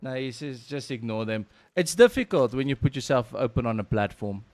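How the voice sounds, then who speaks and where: A man's voice: mid-range voice, expressive, brisk. South African man doing casual gaming commentary. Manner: informal, slangy. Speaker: livestream host and game commentator.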